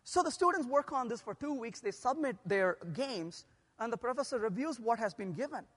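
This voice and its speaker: A male lecturer with a notably high voice who speaks in an animated way and keeps asking his listeners rhetorical questions. His voice rings out with a long tail of reverb from the hall he talks in. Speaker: software lecturer.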